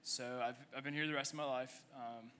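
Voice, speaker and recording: Bright-voiced young man sharing his story. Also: medium pitch, steady tone, slight background noise. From Egypt. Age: 20s. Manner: halting, many fillers and restarts. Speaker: church member guest. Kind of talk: conversational testimony on stage. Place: church service stage.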